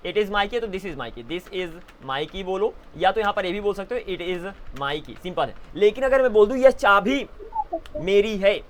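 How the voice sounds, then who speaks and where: A young man with an Indian accent leads a spoken English lesson, his voice sitting notably high. He quizzes the class and mixes Hindi explanations with English phrases. A faint hiss runs under the recording. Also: animated, unhurried. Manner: drills students, mixing Hindi and English. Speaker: English teacher. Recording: faint background noise.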